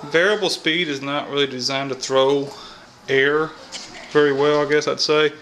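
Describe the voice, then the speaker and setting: This HVAC technician, in his thirties and from Kentucky by his accent, walks through heating and air repair casually, starting beside an AC unit outdoors and moving into a house. His a-little-high, slightly bright voice holds a steady tone at normal speed, captured on a camera mic with poor audio and slight background noise. Folksy and thinking aloud, he keeps saying "all right."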